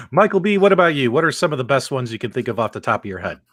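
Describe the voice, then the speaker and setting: A man hosts a live video game podcast, pumping up the audience with upbeat energy. He has a mid-range voice and talks fast.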